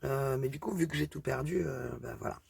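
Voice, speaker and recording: A woman with a rumbling low, husky voice that is creaky and a little mellow speaks briskly in a dry recording. Showing off a craft haul, she chats hesitantly in a thick regional accent with many fillers.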